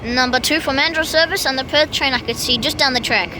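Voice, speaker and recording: A woman's voice: high voice, fast talker. A woman giving train-spotting vlog commentary on a train platform, calling arrivals and departures like an announcer with casual asides. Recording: loud train and platform noise. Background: trains, vehicles, outdoor station ambience.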